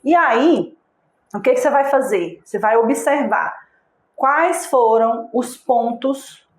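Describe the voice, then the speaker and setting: A woman's voice: on the high side, darkish tone. Woman teaching, questioning the viewer, echoey. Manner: asks the viewer direct questions; patient, explanatory, checks in with "tá?". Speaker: online course instructor. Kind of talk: recorded video lesson.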